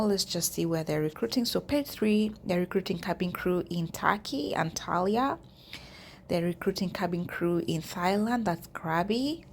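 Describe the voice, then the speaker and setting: A woman's voice: fairly low pitch, vocal fry, slight background noise. A woman vlogger talking casually to her viewers, chatty and addressing them directly as she walks through job listings. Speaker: YouTube vlogger.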